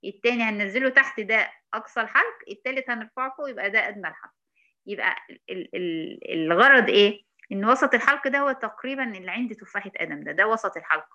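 A woman with an Egyptian accent teaching a recitation lesson, patiently demonstrating sounds slowly and checking in with her students. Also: mid-range voice, animated, bright, forceful tone, dull audio. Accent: Egyptian Arabic. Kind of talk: online tajweed lesson.

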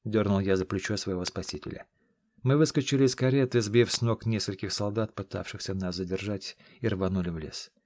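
A man reading scripted first-person fantasy narration in a steady, measured storytelling manner. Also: lowish voice, a little hiss or hum. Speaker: audiobook narrator.

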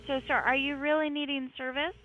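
A woman's voice: high voice, little pitch movement, fairly quick, lo-fi sound, slight background noise. Polite woman answering a service line. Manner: polite, patient, apologetic. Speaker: customer service receptionist. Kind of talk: business phone call. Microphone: phone line.

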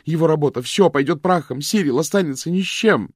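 A man's voice: mid-range voice, brisk, creaky, a little mellow, breathy edge, dry recording, pitched above the performer's own voice. A male reader voicing a desperate young woman who pleads breathlessly in a dry, close recording. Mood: pleading.

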